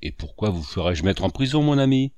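A man voicing a gentle but firm village priest, in a grave, measured reading. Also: lowish voice, big pitch swings, dry recording. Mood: stern. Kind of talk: audiobook character reading.

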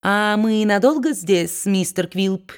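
A woman voicing a fawning, sycophantic male lawyer who flatters his master at every turn. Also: medium pitch, takes it slowly, smooth, natural voice. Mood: timid.

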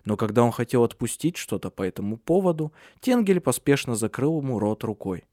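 A man narrating a novel as an audiobook in a steady, measured reading. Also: mid-range voice, no echo, clean studio sound. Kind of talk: scripted narration.

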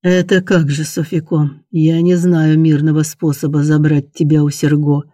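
A passionate, domineering young nobleman in a storybook, voiced by the male reader. He speaks slowly and forcefully in a mellow, fairly high voice that stays level. The sound is dry and close. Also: little pitch movement, dry recording, lightly acted.

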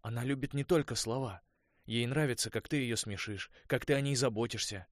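A man's voice: medium pitch, brisk, dry recording, clean studio sound, pitched above the performer's own voice, lightly acted. A male audiobook reader voicing an anxious young man who speaks tensely and defensively. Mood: pleading. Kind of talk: audiobook dialogue reading.

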